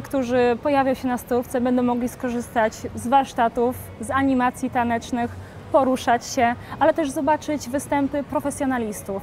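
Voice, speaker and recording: A young woman coordinating a dance event, answering interview questions in a lively way. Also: fairly high pitch, a little hiss or hum. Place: studio set in a shopping mall. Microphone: lapel.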